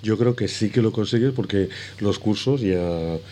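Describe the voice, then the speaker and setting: A man's voice: fairly low pitch, moderate pace, dark tone. A man hosting a radio interview, chatty and enthusiastic, dropping casual swear words. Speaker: radio host.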